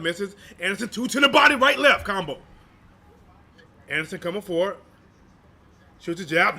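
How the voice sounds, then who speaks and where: A streamer and channel host gives live boxing commentary, talking to his viewers in slangy, informal language. His voice is high and bright with a forceful tone.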